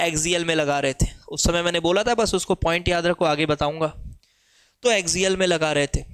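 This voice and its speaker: A young Indian man giving a chemistry exam-prep lecture, mixing Hindi and English, slowing down to dictate rules and answering imagined student questions himself. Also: high-pitched, fairly bright tone, smooth. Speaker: chemistry teacher.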